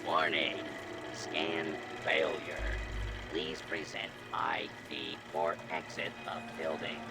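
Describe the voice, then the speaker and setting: An actor voicing a stern male office security robot in a video game, speaking in flat, clipped machine announcements through a robotic filter. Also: very deep voice, slow pace, creaky, loud music behind the voice, heavily acted.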